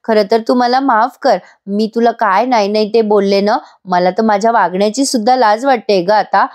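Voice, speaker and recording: A woman voicing a remorseful, warm young sister-in-law in a voice-over episode recap, earnest and apologetic. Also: medium pitch, moderate pace, close to an everyday voice. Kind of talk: voice-over recap reading a character's lines.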